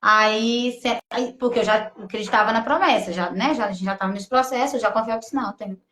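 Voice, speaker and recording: A woman from gives an emotional personal testimony, halting and full of restarts as she quotes her own thoughts. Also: a little high, a bit bright. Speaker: testimony guest. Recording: echoey room.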